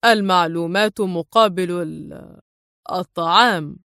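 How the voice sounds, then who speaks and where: A woman's voice: lowish voice, measured pace, a bit bright, clear, resonant tone, dry recording, pitched below the performer's own voice. Curt young man interrogating, read by a woman, cold and confident, audiobook voice, dry close sound. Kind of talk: audiobook character reading.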